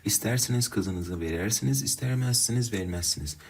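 A man's voice: on the low side, brisk, creaky. A man reading the lines of a protective middle-aged mother in a story, indignant and pleading.

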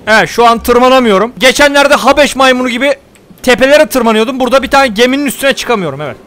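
A man's voice: very high-pitched, animated, fast, faint music behind. A young man playing a survival game, joking and telling his viewers what he does. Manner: joking, exclaims and scolds the game loudly. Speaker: gaming YouTuber. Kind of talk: comedic let's-play commentary.

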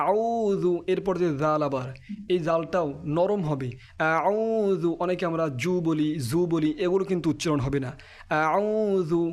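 High-voiced man teaching Quran pronunciation. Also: a little mellow. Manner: explains quickly, then recites slowly in a higher melodic chant; clears throat now and then. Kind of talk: Quran pronunciation lesson with recitation.

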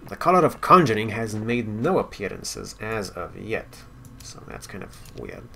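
A man's voice: on the low side, sing-song, normal speed, creaky, sharp tone, a little hiss or hum. A man giving casual gameplay commentary, thinking aloud with wry asides and now and then reading story text out. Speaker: game player and commentator.

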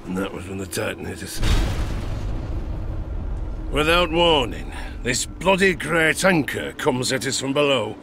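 Against a noisy background, a gravelly older male voice performs a dramatic audio drama as a grizzled harpooner telling a tavern sea story, boastful yet haunted. At medium pitch with lively intonation, he speaks a little slowly and pauses often, grim and dramatic, chuckling and tossing in theatrical asides in salty sailor's dialect.

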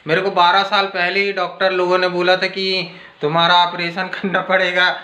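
A man's voice: high voice, completely flat delivery, moderate pace, bright, forceful tone. Man, home vlogger, chatty, phone camera, echoey kitchen. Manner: chatty, addresses viewers as friends. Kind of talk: casual home vlog.

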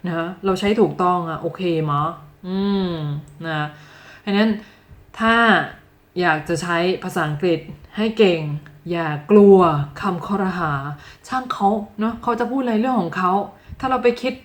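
A woman from Thailand giving a casual video lesson on English, speaking lively and straight to the viewer, and repeating example phrases slowly and clearly. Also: medium pitch. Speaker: English teacher.

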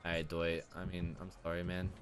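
A young man giving live-stream gameplay commentary, excitable and profane, swinging from loud outbursts to low mutters. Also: fairly quick, background noise. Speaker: streamer playing a survival horror game.

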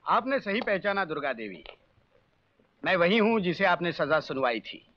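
A man's voice: high voice, big pitch swings, normal speed. An actor playing an authoritative male police officer who gives orders and explains a case. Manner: explaining, commanding. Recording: dull film soundtrack with faint noise.

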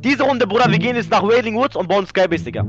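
A man's voice: sits high, expressive, quick pace, dull audio, music in the background. A young man teasing his friend while they play a video game, full of youth slang. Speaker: gaming partner. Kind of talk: excited gaming chat.

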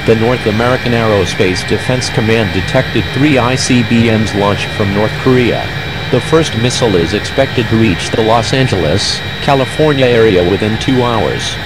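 A man reads a scripted emergency alert that interrupts regular programming. His voice sits a little low, and his delivery stays flat, measured and official. Steady background noise runs clearly under the broadcast audio. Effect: emergency alert broadcast cutting into regular programming.

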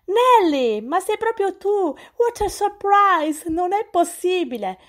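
A big, loud, cheerful young American man, put on by a woman reader bursts through an audiobook scene. His voice rides high and bright with exuberance, tossing in English words as he goes. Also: lively intonation, unhurried. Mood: exuberant.

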